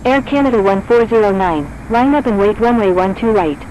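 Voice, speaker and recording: A woman's voice: mid-range voice, expressive, a little fast, darkish tone, lightly acted, low-quality recording. A woman voicing an airport tower controller in a flight simulator game, giving clipped, formulaic air traffic control radio calls. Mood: procedural. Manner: clipped, formulaic, scripted delivery.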